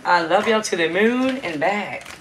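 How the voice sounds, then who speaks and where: A raspy-voiced woman with medium pitch cooks at home while chatting with her livestream viewers, speaking into a nearby tablet on the counter. She's animated yet measured in pace, drawling and greeting people by name. Background noise is present.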